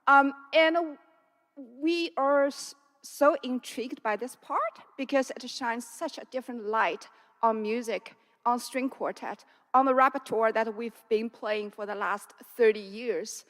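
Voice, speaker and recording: A woman from a string quartet speaks in a high voice, taking her time as she chats and explains. She reads out a run of titles one by one. Her words trail off in the long echo of a large church. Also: unhurried, fairly bright tone. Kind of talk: introducing pieces at a concert talk. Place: church sanctuary.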